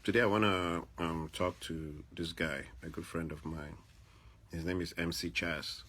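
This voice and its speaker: A man's voice: low voice, fairly even intonation, measured pace, fairly bright tone, slight background noise. A man from Africa, speaking straight to camera in emphatic commentary and repeating his points to press them. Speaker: vlogger. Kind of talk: direct-address commentary.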